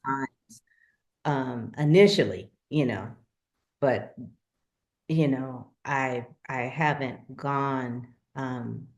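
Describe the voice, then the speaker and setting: A middle-aged woman co-hosting a heartfelt conversation, soft-spoken and hesitant, with many pauses. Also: very deep voice, highs cut off. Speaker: co-host.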